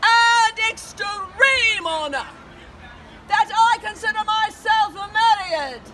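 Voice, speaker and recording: A woman playing a proud, stately queen devoted to her realm, declaiming in slow, formal oratory outdoors before a crowd. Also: very high voice, music in the background. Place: outdoors among a crowd near traffic. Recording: outdoor crowd and street noise.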